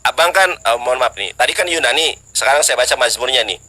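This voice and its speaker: A man's voice: expressive, fast talker, sharp tone. A Sundanese man debating on a video call, pressing and challenging the other side. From West Java, Indonesia. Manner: challenging, insistent, chants scripture in high sung tones. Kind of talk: live debate.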